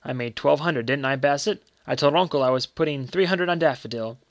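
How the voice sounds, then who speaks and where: A man voicing an earnest, secretive young boy in a story, speaking gravely and politely. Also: mid-range voice, brisk, dry recording, lightly acted.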